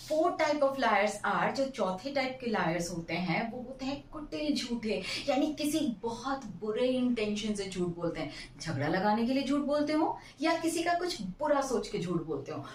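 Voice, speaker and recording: A woman teaching English vocabulary, mixing languages and stretching out each word slowly to drill its pronunciation. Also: a little high, a little hiss or hum. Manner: slow, drawn-out pronunciation drills. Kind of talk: bilingual vocabulary lesson. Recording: echoey room, mic at a distance.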